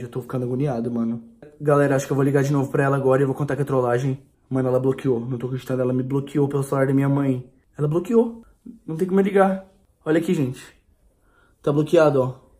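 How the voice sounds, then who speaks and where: A man's voice: mid-range voice, steady tone, rapid-fire, warm tone. A young man pleading on a prank phone call, anxious and slangy. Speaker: vlogger pranking his girlfriend.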